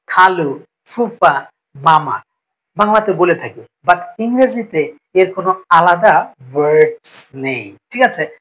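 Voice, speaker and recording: Teaching spoken English, this man speaks with a slightly high, pushed, bright voice, and the audio is poor. He explains patiently and slowly, repeating each phrase and checking in often with "ঠিক আছে?".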